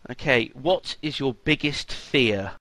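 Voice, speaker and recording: A man's voice: mid-range voice, slow, sharp tone. A man co-hosting a casual podcast, joking, teasing and swearing freely. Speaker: podcast co-host.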